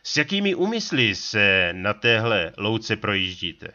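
A man's voice: fairly low pitch, big pitch swings, bright, forceful tone, dull audio, heavily acted. A man voicing a small, stout, sly frontier trapper who talks in a folksy backwoods drawl, in an audiobook. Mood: gruff warning. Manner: folksy, drawling backwoods talk with a pet catchphrase. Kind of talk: audiobook character voice.

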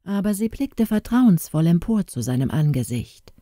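A woman reading a fairy tale aloud as an audiobook narrator, slow and measured. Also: on the low side, very animated, mellow, no echo, studio quality.

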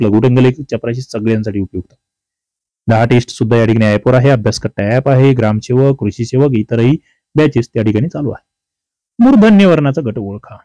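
Fast-talking male teacher, dark dry voice. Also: mid-range voice, no room sound. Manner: fast, chatty and teasing, calls students brother and sister. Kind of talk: exam-prep grammar lesson.

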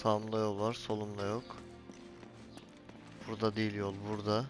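A man's voice: on the low side, completely flat delivery, normal speed, music in the background. Exasperated man commentating his gameplay. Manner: exasperated, scolds the game character and swears at the camera. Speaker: gaming channel host. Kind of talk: let's play commentary.

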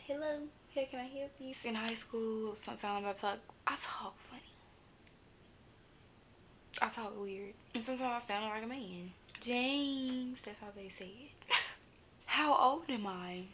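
A woman's voice: on the high side, a little slow, long pauses, a bit bright, a little hiss or hum. A woman in her twenties from Memphis with a Southern accent, chatting casually in a get-to-know-me vlog, laid-back and laughing often. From Memphis, Tennessee, USA. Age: 20s. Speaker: vlogger.

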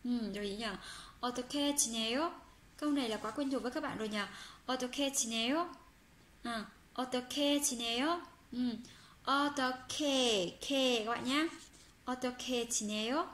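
A woman with a high voice gives a patient language lesson, slowing down to repeat words and phrases for her learners. She reads example sentences more quickly between explanations. The recording sounds roomy, with a faint hum underneath. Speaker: Korean language teacher.

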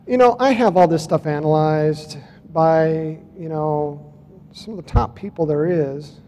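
A man with a fairly high yet mellow, dark-toned voice tells his story at a conference in a loose, chatty way. He reads out dates and turns to the crowd now and then. His voice rings out with a long hall reverb. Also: a little slow, a little hiss or hum. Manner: casual storytelling, reading out dates, addressing the audience. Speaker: speaker at a UFO conference. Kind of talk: conference talk presenting photos and clips.

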